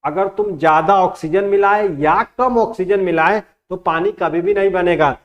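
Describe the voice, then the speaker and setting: A man's voice: high voice, moderate pace, dull audio. A man teaching chemistry in Hindi, who asks the class questions and answers them himself and mixes in English terms. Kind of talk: classroom lecture.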